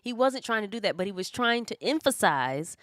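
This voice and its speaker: Hoarse, animated woman co-host. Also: medium pitch, a little fast, dry recording, clean studio sound. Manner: animated, chatty storytelling. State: hoarse from a cold. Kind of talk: casual couple chat.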